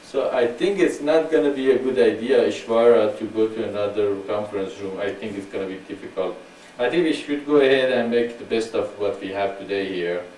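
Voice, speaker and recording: A man hosting an online spiritual gathering in casual talk, speaking slowly and deliberately and repeating himself so listeners can follow. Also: on the low side, darkish tone. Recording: echoey room, far from mic, faint hiss.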